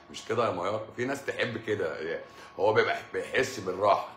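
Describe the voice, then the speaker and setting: Man, Egyptian Arabic accent, middle-aged, doctor on a live stream, joking and laughing, low voice, echoey room. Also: moderate pace, fairly bright tone, slight background noise. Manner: joking storyteller, laughs often. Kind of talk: casual live-stream chat answering viewers.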